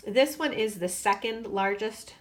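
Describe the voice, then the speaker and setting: Working at her table, a craft demonstrator walks through a casual tutorial in a mid-range voice at a measured pace. Allergies leave her stuffy and nasal, and she keeps things chatty with fillers and asides.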